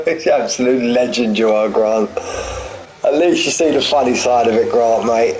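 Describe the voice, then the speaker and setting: This man in his forties has a mid-range, darkish voice and a moderate pace, heard on a rough recording with a little hiss or hum. As a sim racing commentator and streamer, he calls the race live with a jokey, chatty style, repeating phrases and trading banter with chat.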